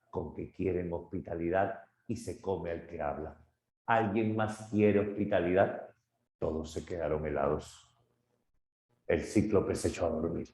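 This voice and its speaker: A male literature teacher retelling a story dramatically, shifting his pace and loudness, in an echoey room. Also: sits low. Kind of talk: lively story retelling in a lesson.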